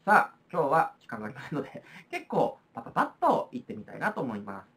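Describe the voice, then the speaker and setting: A woman's voice: sits low, huge pitch swings, fast, a bit bright. A woman with a Kansai accent teaching a history lesson on video, explaining in a chatty way with frequent fillers. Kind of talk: recorded video lecture.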